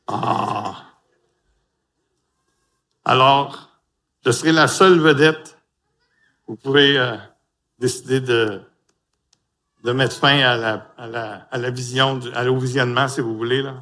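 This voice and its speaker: A man's voice: mid-range voice, measured pace, pauses often, sharp tone. A man with a Québécois French accent, a pastor giving a sermon and talking playfully and informally to the children. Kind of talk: sermon with a children's sing-along.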